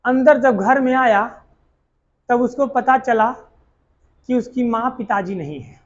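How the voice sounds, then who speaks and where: A man's voice: very high-pitched, measured pace, lo-fi sound. A male teacher, telling a history lesson as a story in earthy colloquial talk and quizzing his students as he goes. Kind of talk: exam coaching lecture told as a story.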